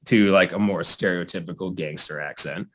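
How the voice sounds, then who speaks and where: A young man running a tabletop role-playing game as game master, easygoing and quick to laugh. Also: low-pitched, a bit bright.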